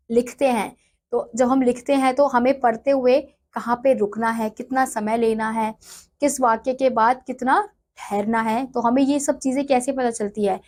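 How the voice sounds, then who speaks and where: A woman's voice: high-pitched, a little mellow. A woman teacher reading from a textbook and then explaining it in her own words, often going back to repeat or correct herself. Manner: self-correcting, repeats phrases.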